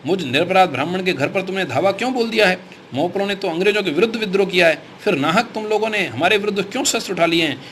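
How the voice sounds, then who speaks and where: A man's voice: high voice, expressive, fast, fairly bright tone, a little hiss or hum. A man voicing an anxious, protective older Brahmin father who speaks urgently in a storybook reading. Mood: pleading. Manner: urgent, pleading.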